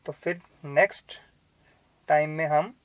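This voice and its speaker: A man's voice: fairly high pitch, fairly even intonation, unhurried, no room sound. A man teaching a beginner language lesson, patiently reading out letters one by one and stressing each sound with care. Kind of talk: slow spoken language lesson.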